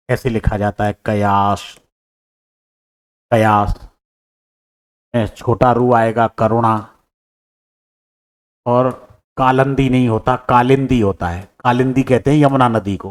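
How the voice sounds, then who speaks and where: A man's voice: mid-range voice, fairly even intonation, slow, long pauses. A man explaining exam answers step by step. He asks questions and answers them himself, and he calls his students brother. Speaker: teacher solving an exam paper. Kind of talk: exam answer-key lesson.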